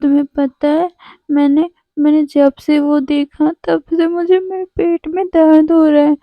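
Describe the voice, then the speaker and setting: A woman's voice: high voice, level tone, unhurried, dry recording. A woman voicing a frightened, clingy young man who stammers and pleads through tears. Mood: tearful pleading. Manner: sobbing, pleading, stammering repeats. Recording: dull lo-fi dry sound.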